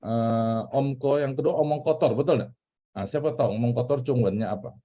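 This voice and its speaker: This Indonesian-accented man speaks at a medium pitch and a brisk clip while teaching a church Bible class. He keeps it casual and conversational, posing questions and echoing key words, captured on dull lo-fi audio.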